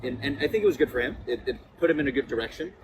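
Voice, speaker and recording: A man's voice: medium pitch, lively intonation, racing. A man chatting casually as a podcast guest, telling anecdotes in a playful, teasing way. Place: seated in an ice bath at a retreat. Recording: clearly noisy ambient background.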